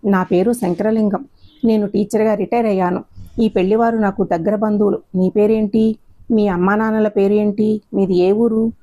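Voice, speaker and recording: Woman doing a stern old retired teacher guy, preachy, mellow voice, audio story. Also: mid-range voice, fairly even intonation, normal speed, muffled recording, close to an everyday voice. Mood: questioning. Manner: lecturing, preachy. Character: elderly retired male schoolteacher, stern and moralizing.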